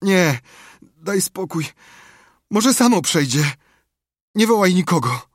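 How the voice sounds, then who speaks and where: A dramatic, whimpering young boy who plays up being sick, his voice raised well above a grown man's and a little husky. A man puts him on while reading the story aloud. The sound is close and dry. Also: high-pitched, very animated, slow, no echo, voice pushed up, full character voice. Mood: whiny.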